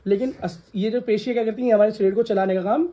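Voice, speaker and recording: In a classroom full of students, a woman teaching science speaks quickly at a medium pitch and in a steady tone, and the audio sounds dull. Her lesson is call-and-response: she repeats questions for the class to echo, addresses students as "beta," and tells off anyone laughing.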